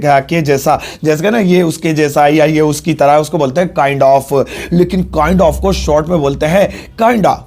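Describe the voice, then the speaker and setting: Man, english teacher explaining in hindi, joking asides, slow careful examples, slightly high voice. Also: darkish tone. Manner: jokey, slows down sharply to spell out English example sentences. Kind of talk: Hindi-language spoken English lesson.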